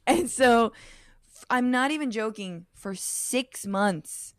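A woman in her late thirties, a comedian, telling a story in a casual podcast interview, animated and full of "like", acting out quotes. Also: a little high, slow pace, no room sound, clean studio sound. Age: 30s. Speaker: comedian guest.

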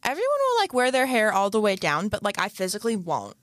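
A woman's voice: mid-range voice, fast talker, no echo, studio quality. A young adult woman co-hosting a podcast, telling funny self-mocking stories in casual chat. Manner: animated storytelling, self-mocking. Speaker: podcast co-host.

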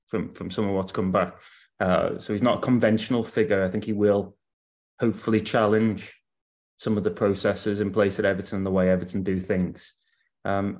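A football writer talks through his analysis at length on a podcast, keeping it a casual chat. His voice is lowish and a little mellow, and he weighs each point carefully and analytically.

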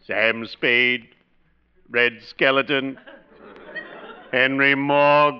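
An actor playing a genial, ghoulishly courteous undertaker in a 1940s radio comedy, with solemn, pompous, formal diction. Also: male voice, mid-range voice, steady tone, extremely slow, noisy background. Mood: pompously genial. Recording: dull old radio recording.

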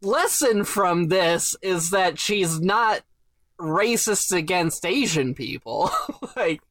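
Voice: mid-range voice, lively intonation, slow pace, fairly bright tone, dry recording. A podcast co-host recapping an old TV episode in dry, laughing, casual chat.

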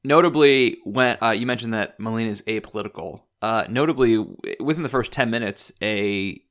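A man's voice: lowish voice, a little fast, a bit bright. A man co-hosting a film podcast, recapping scenes in a chatty, loose way with a few hedging fillers. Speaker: podcast co-host. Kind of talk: casual film discussion.

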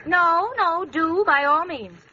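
A woman's voice: extremely high pitch, takes it slowly. An actress playing a sensible young woman with a dry, wry way of telling a story, in a 1940s radio comedy. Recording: hissy lo-fi old radio broadcast.

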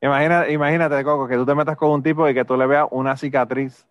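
A man's voice: mid-range voice, fairly even intonation, fast talker, no echo. A man chatting casually as podcast host, joking and repeating himself as he builds to a point. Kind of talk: casual chat. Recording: dull, dry sound.

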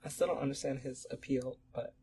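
A man's voice: medium pitch, steady tone, brisk, dark tone, slightly rough. A man hosting a casual gaming chat, rambling with lots of fillers and laughs while he is sick. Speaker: podcast host.

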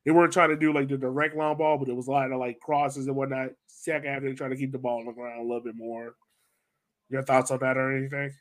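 A fast-talking man with a mid-range voice and flat delivery hosts a soccer podcast. He chats casually about a match afterward, informal and thinking aloud as he goes.

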